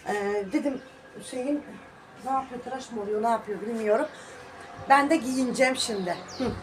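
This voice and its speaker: A woman's voice: a little high, moderate pace. A woman vlogger chatting casually in a running commentary on household chores at home. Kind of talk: casual household vlog chat. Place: home balcony. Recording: echoey, noisy, distant microphone.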